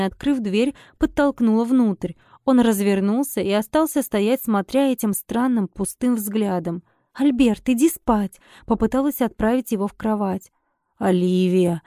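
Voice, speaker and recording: A woman narrating a first-person audiobook expressively, her dialogue flaring into sharp irritation. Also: a little high, normal speed, hardly any pauses, no echo, clean studio sound.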